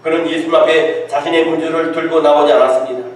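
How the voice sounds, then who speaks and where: Male pastor, higher-pitched, delivering a sermon from a distant mic in a very echoey church hall. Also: fairly even intonation, quick pace. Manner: asks the congregation rhetorical questions. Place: church sanctuary.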